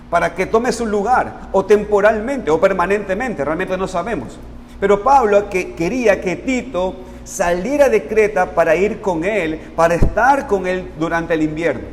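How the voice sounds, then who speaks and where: A man's voice: sits high, long reverb tail, slight background noise. A man preaching a sermon to his congregation in an earnest, explanatory way, often calling them brothers. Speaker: pastor. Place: church sanctuary.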